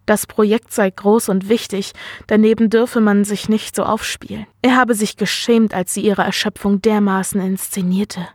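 A woman reading a science-fiction short story aloud in a steady, clear manner. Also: medium pitch, moderate pace, dry recording, studio quality. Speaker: reader.

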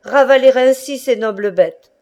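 A woman's voice: a little high, animated, a little slow, darkish tone, voice pushed up. A woman voicing a boastful, pompous adventurer man who bursts out in indignant exclamations, in an audiobook reading.

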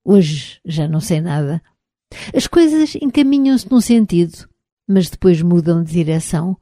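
A woman's voice: lowish voice, animated, unhurried, warm tone, no echo, clean studio sound. A woman with a European Portuguese accent reading the lines of a troubled middle-aged friend in an audiobook, murmuring and sarcastic in turn. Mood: brooding. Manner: murmuring, sarcastic then pleading.

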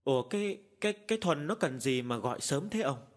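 A man putting on a shrill, nagging old wife. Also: animated, close to an everyday voice. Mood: puzzled. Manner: high, loud and brisk, nagging. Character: older village wife, kind but scolding. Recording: long hall reverb.

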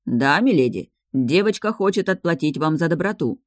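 A narrator voicing a calm, reserved middle-aged butler in a fantasy audiobook. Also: mid-range voice, moderate pace, no echo, clean studio sound, close to an everyday voice.

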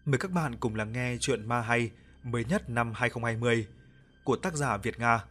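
A man narrating an audio ghost story in a calm, even reading voice. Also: medium pitch, normal speed. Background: soft background music.

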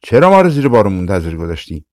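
A man's voice: on the low side, sing-song, no room sound, studio quality. A man doing a furious bullying brother. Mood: angry. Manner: loud, raised, barking. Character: harsh bullying older brother, angry and shouting.

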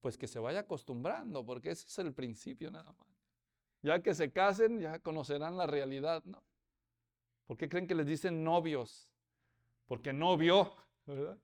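A man's voice: on the high side, lively intonation, moderate pace, creaky. A man preaching a sermon as pastor, telling stories with humor and rhetorical questions to the congregation.

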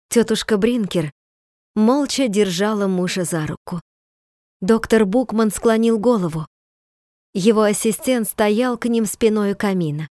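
A woman narrating a storybook in a calm, measured reading voice. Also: medium pitch, no echo, clean studio sound. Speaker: audiobook narrator. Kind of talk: scripted narration.

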